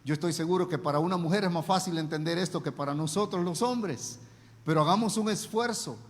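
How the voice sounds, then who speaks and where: Preacher man, high voice, echoing hall. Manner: storytelling, emphatic with dramatic pauses. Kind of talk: sermon.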